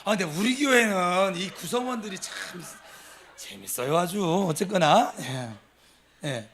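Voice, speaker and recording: A middle-aged man preaches in a high voice at a weekday prayer service. He pushes hard on key words, then drops into quiet asides. He talks straight to the congregation the whole time. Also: lively intonation, a little slow, slight background noise. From Gimcheon, Gyeongsang province. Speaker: pastor. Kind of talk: sermon at a Wednesday prayer service.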